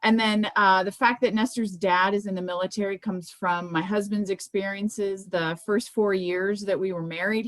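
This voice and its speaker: A middle-aged American woman from Miami, United States, presents her books as an author, speaking conversationally and informally. Her voice sits in the mid-range, and the recording is dry.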